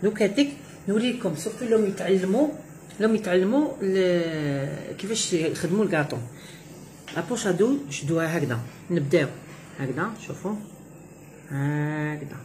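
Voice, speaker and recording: A woman's voice: lowish voice, expressive, fairly quick, a little mellow, a little hiss or hum, rough recording. A woman with an Algerian Arabic accent hosts a home cooking demonstration. She keeps telling viewers to look as she works, and mixes French words into her speech. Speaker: cooking show host.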